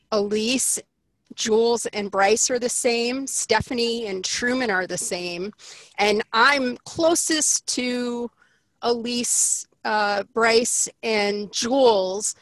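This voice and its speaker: A woman's voice: on the high side, no room sound. A woman explaining a personality chart to her colleagues in a thoughtful, explanatory way during a casual meeting.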